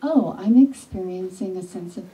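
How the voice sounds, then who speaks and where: A woman giving an earnest, informal speech to a small gathering, with pauses and restarts. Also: mid-range voice, dark tone, distant mic, poor audio. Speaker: event attendee giving a speech.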